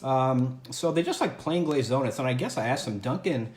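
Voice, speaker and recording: A man's voice: mid-range voice, lively intonation, moderate pace, darkish tone. A man hosting a casual home livestream, talking upbeat and chatty while he tries food, often restarting his sentences. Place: at home, indoors. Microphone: camera or phone mic on a livestream. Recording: echoey room with faint background ambience.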